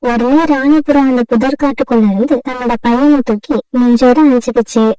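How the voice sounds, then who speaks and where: Mellow high-voiced woman narrating a storybook. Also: fairly even intonation, fairly quick, distant mic, low-quality recording.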